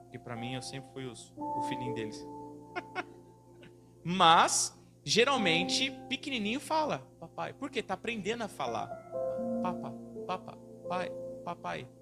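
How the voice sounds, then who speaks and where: A man's voice: high-pitched, sing-song, measured pace, over music. A man, a pastor in his thirties, preaching a sermon, telling family stories and asking the congregation to answer back. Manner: storytelling with acted-out family voices.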